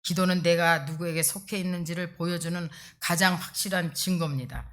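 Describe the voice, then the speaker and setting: Lowish-voiced woman pastor preaching emphatically. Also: steady tone, brisk, fairly bright tone. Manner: emphatic, conversational preaching with frequent rhetorical asides. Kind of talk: sermon.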